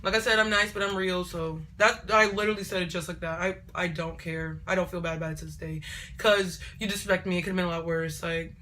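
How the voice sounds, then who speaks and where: A young woman chats through a casual storytime vlog. Her voice is bright and forward, and she tells the story in an animated, digressive way, looping back over the same phrases. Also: fairly low pitch, fast, a little hiss or hum. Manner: animated, digressive, repeats herself. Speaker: vlogger.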